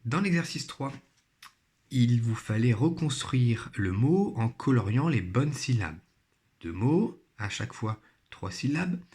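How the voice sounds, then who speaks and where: A man's voice: mid-range voice, animated, slow pace, darkish tone. A man teaching a primary phonics lesson, speaking patiently and spelling out each sound and syllable carefully. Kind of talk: recorded remote phonics lesson.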